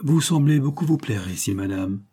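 An earnest, gallant young nobleman speaking with fervent courtesy, as a male reader gives him voice. The tone is dark and husky, with a storybook warmth. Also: mid-range voice, animated, normal speed, voice pushed up. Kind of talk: audiobook character voice.

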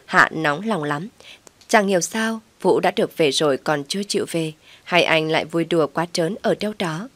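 A woman narrating a story in a calm, steady storytelling manner. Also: sits low, moderate pace, no echo.

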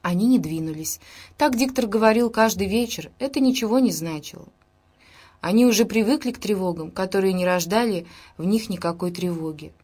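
A woman's voice: mid-range voice, fairly quick, a little mellow, breathy edge. Woman narrating an audiobook. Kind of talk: scripted narration.

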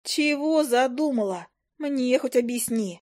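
A shrill, indignant young tavern girl yells reproaches, her voice pitched up above the reader's own and dragged out slowly for emphasis, as a woman narrator puts her on. An audiobook character voice, loud and scolding. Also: lively intonation, no echo, clean studio sound. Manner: shouting, scolding.

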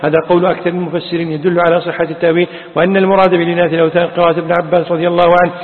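A man's voice: on the high side, little pitch movement, rapid-fire. A man teaching, reading classical Quran commentary aloud and chanting the quoted verses melodically. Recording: tinny, echoey hall sound.

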